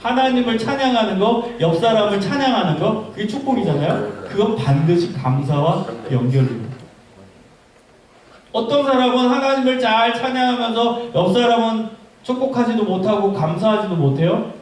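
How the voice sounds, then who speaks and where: A man preaching a lively youth sermon as a pastor, joking with the congregation. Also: sits high, normal speed, slight background noise. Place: church hall. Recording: echoey hall recorded from far off.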